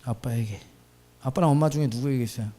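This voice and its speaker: A man in his thirties preaching with lively energy, swinging his voice as he acts out the people in his stories. He has a mid-range voice and speaks to a youth congregation in a church. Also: medium pitch, fast talker. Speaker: pastor. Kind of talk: sermon with acted-out anecdotes. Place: church hall.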